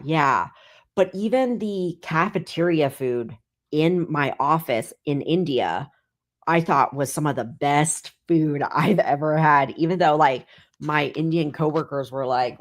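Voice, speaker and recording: Casual guest: thirties woman, deep for a woman, meandering chat full of fillers. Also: animated, a little slow. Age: 30s. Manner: rambling, heavy filler "like". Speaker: guest comedian.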